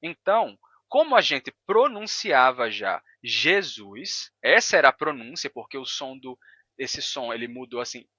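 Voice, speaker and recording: Bright, didactic Brazilian man teaching. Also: mid-range voice, very animated, no echo, highs cut off. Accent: Brazilian Portuguese. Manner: didactic, repeats sounds slowly to demonstrate, frequent "tá?" checks. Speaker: language educator. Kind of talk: explanatory video lesson.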